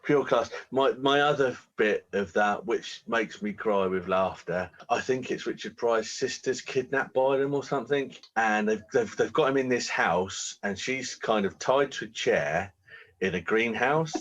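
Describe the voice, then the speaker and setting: A man co-hosting a podcast, telling film anecdotes in a relaxed way and chuckling as he goes. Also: medium pitch, measured pace, muffled recording. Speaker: podcast co-host. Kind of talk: casual film chat.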